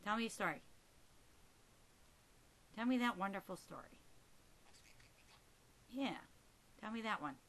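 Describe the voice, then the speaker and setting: Slow-talking woman coaxing her pet. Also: mid-range voice, expressive, a bit bright. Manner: coaxing pet talk with short repeated prompts and endearments. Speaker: pet owner filming her bird. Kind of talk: casual chat to a pet budgie. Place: recorded while handling the camera herself.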